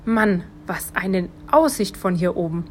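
A woman's voice: lowish voice, lively intonation, measured pace, a little hiss or hum. A woman voicing a cheeky, easygoing little male earthworm in a children's storybook, cheerful and a bit bossy.

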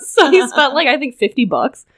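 A high, sing-song voice with a fairly bright tone carries this podcast guest's personal story at normal speed. She speaks English natively, keeps things loose and chatty, drops plenty of "like"s and laughs frequently.

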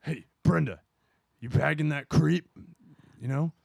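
A man improvising a brash sting leader, gruff and laughing, with a raspy, gravelly voice and lively pitch. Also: unhurried, no echo, full character voice. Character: brash male news-van sting leader. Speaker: improv performer.

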